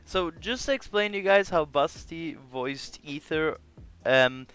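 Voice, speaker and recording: A man's voice: fairly high pitch, lively intonation, measured pace, fairly bright tone, clear, resonant tone. A young man hosting a goofy fan dub of a game, joking and reading lines in casual banter. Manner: jokey, laughing, reads lines over the game audio. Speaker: host voicing game characters.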